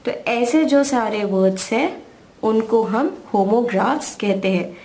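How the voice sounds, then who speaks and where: Indian woman tutor, slow and patient, slightly high voice, spells words out; a steady grammar lesson read. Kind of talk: slow explanatory lesson in Hindi-English mix.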